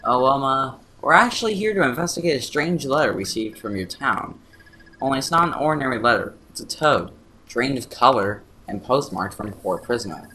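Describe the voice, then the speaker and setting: A man's voice: mid-range voice, very animated, moderate pace, bright, forceful tone, slight background noise. A man voicing a polite, slightly flustered princess in a video game voice-over. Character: polite, prim young princess. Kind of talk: let's play voice-over.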